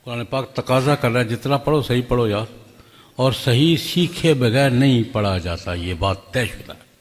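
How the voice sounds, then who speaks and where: An older Pakistani man gives a sermon in a middle-pitched voice. He talks in a homely, storytelling way and keeps asking the crowd questions. His voice rings out with a long reverb through a large hall. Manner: folksy storytelling with rhetorical questions and humor. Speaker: religious scholar. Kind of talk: sermon at graduation ceremony.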